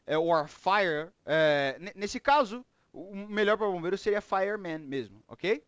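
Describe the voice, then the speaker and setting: A Brazilian man teaches English in a fairly high voice, praising students and patiently explaining pronunciation in two languages. The sound is dry and close, with little room echo. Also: lively intonation, a little slow, fairly bright tone, clean tone. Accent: Brazilian Portuguese. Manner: encouraging, switches between Portuguese and English explanations. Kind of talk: online English class feedback and explanation.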